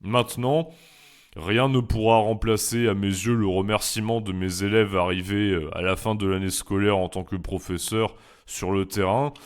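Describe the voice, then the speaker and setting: The speaker is a young French philosophy teacher with a YouTube channel, reading his FAQ responses in a careful, reflective way with a few hesitant fillers. His voice is fairly low in pitch.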